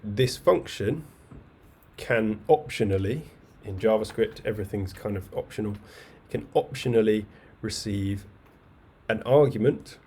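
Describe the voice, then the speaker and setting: A man teaching a live online coding class, explaining step by step in a relaxed, chatty way with asides and fillers. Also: lowish voice, breathy edge. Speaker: coding bootcamp instructor. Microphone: webcam video call mic. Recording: faint background noise.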